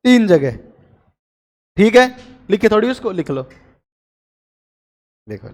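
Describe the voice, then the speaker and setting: A man's voice: sits high, very animated, slow, darkish tone, in a large hall. A man teaching a grammar lesson to a class, chatty and joking with his students between explanations.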